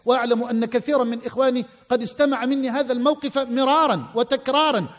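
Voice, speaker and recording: A male preacher giving a sermon, telling a story with impassioned oaths. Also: extremely high pitch. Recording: long hall reverb.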